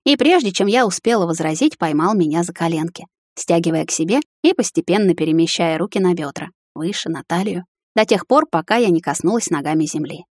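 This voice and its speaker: A woman reading a first-person romance audiobook in an intimate, even manner. Her voice sits a little low and the recording is dry and close, with no room sound. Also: fairly quick, few pauses, dry recording. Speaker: audiobook narrator.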